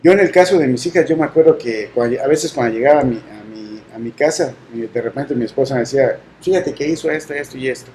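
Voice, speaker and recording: Guy in his middle years telling his faith story, stops and restarts a lot, mellow low-key voice. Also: slight background noise, low-quality recording. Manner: earnest, halting storytelling with restarts. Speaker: guest sharing testimony. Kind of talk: personal faith testimony.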